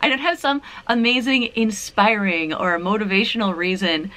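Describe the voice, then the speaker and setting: A woman in her thirties from Canada vlogs casually to the camera at home in her apartment, giggling and poking fun at herself. She has a medium pitch, a moderate pace and a fairly bright tone.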